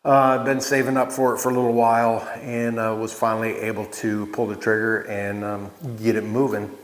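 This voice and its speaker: Low-voiced man vlogging in an echoey space. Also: flat delivery, fairly quick. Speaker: vlog host, small farm winemaker. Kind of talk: casual unscripted walk-through vlog. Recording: echoey bare room or open space.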